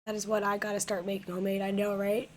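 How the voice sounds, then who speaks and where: Hoarse young woman streamer rambling. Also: medium pitch, flat delivery, fast, slight background noise. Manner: rambling, filler-heavy, repeats words. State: hoarse, losing her voice. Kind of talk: casual chat with viewers. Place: home gaming room.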